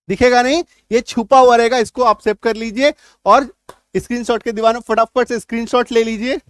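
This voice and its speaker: In a spoken-English lesson, a high-voiced male teacher explains spelling rules, going over every point more than once and questioning the class to confirm they're following. The sound is close and dry, with no echo or room ambience.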